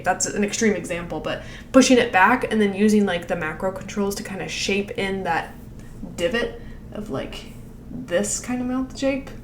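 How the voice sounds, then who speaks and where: A woman's voice: medium pitch, a little hiss or hum. Chatty woman giving animation feedback, echoey room. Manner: rambling, filler-heavy, laughs often. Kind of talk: casual critique over a screen share.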